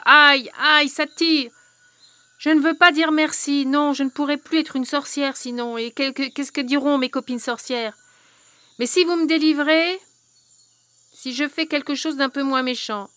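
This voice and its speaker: A woman doing a cruel old witch with wild hair, snarling and commanding, bright biting tone, loud shouted orders, storybook voice, dry close sound. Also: high-pitched, no room sound. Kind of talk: storybook reading.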